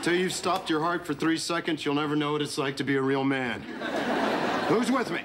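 A man's voice: fairly high pitch, fairly quick, lightly acted. An actor in his thirties playing an earnest, rousing, slightly dim sitcom athlete. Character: gung-ho, earnest, dim small-town male polar bear swimmer. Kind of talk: sitcom acting. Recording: very noisy sitcom soundtrack.

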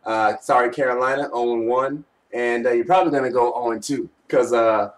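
A man's voice: mid-range voice, a little fast, far from the mic. A young man gives casual postgame sports commentary. He is slangy and teasing, like a fan vlogger. The sound is a home webcam recording from a small bedroom, slightly away from the mic. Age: young adult. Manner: slangy, teasing trash talk. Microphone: webcam at arm's length.

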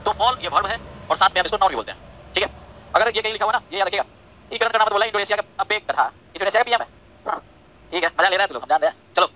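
A man teaching English vocabulary in a live class, talking quickly and checking over and over that the students follow. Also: sits high, pushed and bright, poor audio. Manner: rapid, repetitive checks like "ठीक है?" and "समझे?"; scolds and teases students by name. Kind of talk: online class lecture in Hindi and English.

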